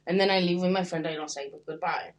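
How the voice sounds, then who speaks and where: A woman's voice: fairly low pitch, steady tone, fast. A young woman co-hosting a podcast, chatting casually, laughing often and acting out quoted exchanges. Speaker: podcast co-host. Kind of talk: casual chat.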